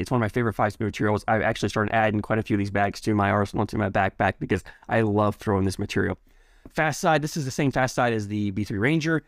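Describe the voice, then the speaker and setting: A man's voice: lowish voice, dry recording, clean studio sound. A man giving a casual, enthusiastic product review, rambling a bit with restarts and repeated words.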